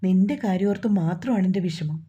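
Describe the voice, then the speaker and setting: A woman's voice: lowish voice, fast, dark tone, breathy edge, muffled recording. A woman voicing a loving, protective young man who speaks tenderly and coaxingly to his sweetheart in a romantic storybook.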